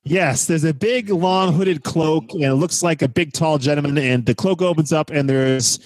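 Higher-voiced man hosting in a dry room. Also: normal speed, no room sound, low-quality recording. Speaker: podcast host. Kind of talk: casual film review chat.

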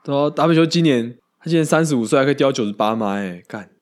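A man, co-hosting a casual baseball podcast, animated and quick to laugh and swear. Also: medium pitch. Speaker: podcast co-host.

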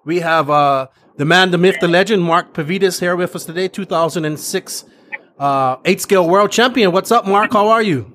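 High-pitched male podcast host. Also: moderate pace, a bit bright. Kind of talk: casual interview.

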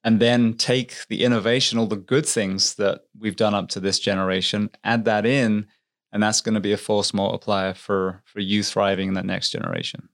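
A middle-aged man with an English accent speaks in a low, steady voice. He talks as an interview guest, earnest and reflective. He gives advice from experience. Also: moderate pace. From England. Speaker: podcast guest, firefighter and author. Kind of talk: conversational interview.

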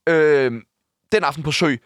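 Young guy, podcast cohost, high animated voice, dry close mic, cheeky storytelling. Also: clear, resonant tone, dry recording. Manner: animated, crude storytelling with big pitch swings. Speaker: podcast co-host. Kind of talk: casual podcast chat.

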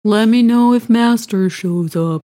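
Woman doing a slow, sleepy male house pet. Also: fairly high pitch, mellow, faint music behind, voice pushed up, close to an everyday voice. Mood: drowsy. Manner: slow, drowsy drawl.

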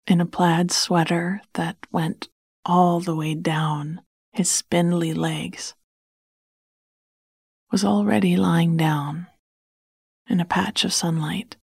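Woman whispering a slow bedtime story. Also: fairly low pitch, creaky, breathy edge, no room sound, clean studio sound. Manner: soft, hushed, soothing whisper.

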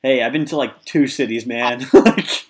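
A man's voice: medium pitch, moderate pace. Laid-back man, easygoing chat. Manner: laid-back, loose, laughs easily, drops "man". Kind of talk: casual chat.

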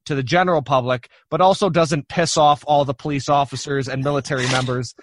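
A man's voice: on the high side, steady tone, fairly quick, background noise. A man hosting a podcast in a casual, conversational interview style. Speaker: podcast host.

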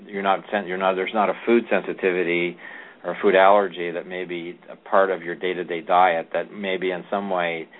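A man's voice: low-pitched, little pitch movement, normal speed. A man who is a physician, giving rambling advice to a caller on a call-in radio show, often restarting his sentences. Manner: rambling, with frequent restarts and fillers. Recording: tinny phone-like radio audio.

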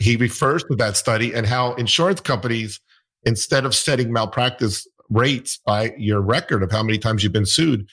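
A middle-aged man, a doctor hosting a podcast, explains things calmly in a casual interview chat. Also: mid-range voice, slightly rough. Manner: calm, explanatory. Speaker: physician podcast host.

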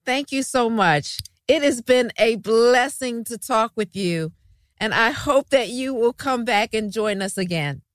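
A woman's voice: on the high side, a little slow, no echo, studio quality. A woman hosting an interview show in a conversational way. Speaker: show host.

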